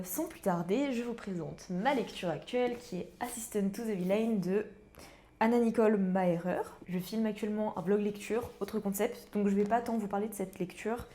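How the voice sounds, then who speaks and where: A woman's voice: mid-range voice, dark tone, slight background noise. A young woman talking casually and enthusiastically to viewers as a book and food vlogger, in an informal, slangy way. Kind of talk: casual chatty vlog to viewers.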